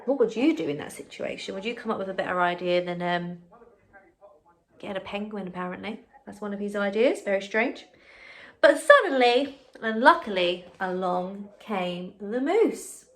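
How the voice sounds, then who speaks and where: A woman's mid-range voice, at a moderate pace, reads a picture book to schoolchildren. As their primary teacher she stays expressive and encouraging, with chatty side remarks and questions to the group.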